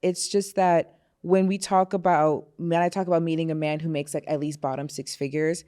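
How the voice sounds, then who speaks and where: A woman's voice: low voice, fairly even intonation, normal speed, mellow. A young woman from Florida chatting candidly as a podcast guest, laughing often and using fillers like "you know". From Florida, USA. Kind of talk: casual podcast chat.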